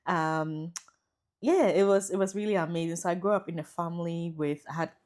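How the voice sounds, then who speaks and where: Low-voiced Ghanaian woman telling her story. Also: brisk. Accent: Ghanaian English. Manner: warm, reflective storytelling with laughs. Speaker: guest researcher. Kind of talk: podcast interview.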